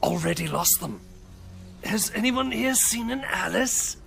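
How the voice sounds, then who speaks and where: An actor playing an eccentric, madcap hatter in a video game, theatrical and erratic, moving between hush and exclamation. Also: male voice, high-pitched, expressive, measured pace, gravelly, faint music behind, heavily acted. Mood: mocking. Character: eccentric madcap Hatter, whimsical, excitable lunatic. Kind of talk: video game cutscene acting.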